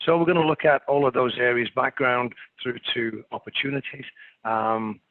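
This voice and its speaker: A middle-aged man from England, a clinical consultant, gives an informal webinar presentation in an English accent, sounding hesitant, polite and self-deprecating. His mid-range voice has fairly even intonation and a moderate pace, with no room sound. It comes through a remote webinar call on a narrow, phone-like line.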